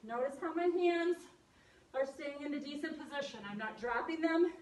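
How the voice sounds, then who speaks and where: High-voiced woman aerobics instructor, echoey room. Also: normal speed, darkish tone. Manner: encouraging, short commands and counts while exercising. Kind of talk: aerobics instructor leading a workout, counting reps and cueing form. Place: carpeted room at home. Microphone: distant camera microphone across the room. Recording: roomy echo, far from phone camera.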